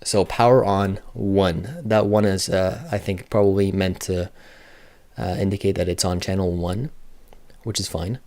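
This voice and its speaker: Thinking aloud like a reviewer working things out on the spot, a man discusses a product in a relaxed, off-the-cuff manner. His voice sits fairly low with a darkish tone, his intonation is fairly even, and his pace is a little slow.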